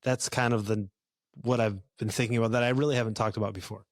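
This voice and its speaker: A man's voice: on the low side, steady tone, fast, no echo, clean studio sound. A man hosting a podcast, chatting casually in an easygoing way with lots of fillers and restarts. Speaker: podcast host. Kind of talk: casual conversation.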